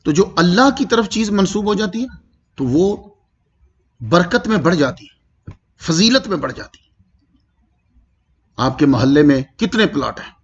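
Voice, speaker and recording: A man gives a Quranic commentary lesson in a high, animated voice that swings widely in pitch. He recites verses slowly and drawn out, then explains them and checks with his listeners. The recording sounds dull and lo-fi. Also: slightly rough. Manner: asks the listeners questions as he explains. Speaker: Quran teacher.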